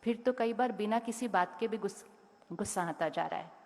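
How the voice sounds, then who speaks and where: A woman's voice: mid-range voice, moderate pace, a little mellow. A woman with a mid-range voice gives a talk to a school crowd. She questions the listeners and tells them what to do. Her voice carries a long reverb from a large hall. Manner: directly questions and instructs the audience. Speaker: motivational speaker.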